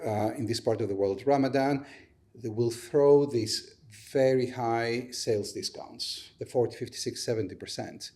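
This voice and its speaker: Man, podcast guest, startup co-founder, methodical explainer, middle pitch, uses everyday examples. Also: darkish tone. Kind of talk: explaining a business model in an interview.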